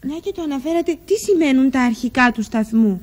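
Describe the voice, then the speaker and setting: A woman's voice: sits high, animated. An actress playing a prim, self-important woman TV presenter. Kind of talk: sitcom acting.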